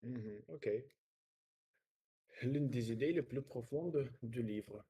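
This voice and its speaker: A man with a Russian accent in French, practising example sentences in a halting, repetitive way. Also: mid-range voice, dark tone, husky. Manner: halting, restarts and repeats phrases. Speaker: French learner practising with a partner.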